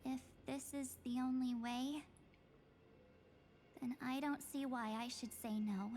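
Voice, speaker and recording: An actress playing an enigmatic, solemn young woman with a measured, theatrical delivery in a video game. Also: sits high, steady tone, darkish tone. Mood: solemn resolve. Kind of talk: dramatic video game voice acting.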